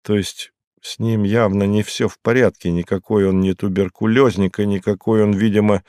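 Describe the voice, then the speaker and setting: A man with a low, steady voice reads a first-person detective story, calm and measured. The recording is dry and close, with no room around the voice. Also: no echo. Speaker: audiobook narrator. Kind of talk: first-person literary narration.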